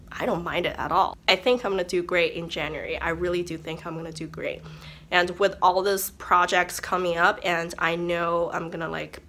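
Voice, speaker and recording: A woman's voice: lowish voice, bright, forceful tone. A woman beauty vlogger with a sick voice, chatting casually to camera about her spending. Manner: chatty, self-reassuring, talks through numbers.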